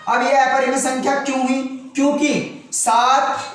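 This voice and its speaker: A male maths teacher works through a problem at the board, posing a question to the class and answering it himself. He goes slowly, repeating key words step by step. The recording has a heavy, echoey classroom sound. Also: extremely high pitch, little pitch movement, fairly bright tone. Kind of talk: board lesson. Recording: very echoey room.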